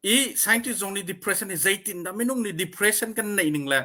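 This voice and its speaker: A man giving an informal educational talk on a community livestream, deliberate and dropping English terms into his speech. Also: high voice, lively intonation, sharp tone. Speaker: speaker at a community support livestream.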